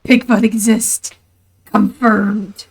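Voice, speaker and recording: A woman's voice: mid-range voice, steady tone, extremely slow, vocal fry, husky. A woman chatting casually as co-host of a game stream, upbeat with short replies. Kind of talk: casual chat.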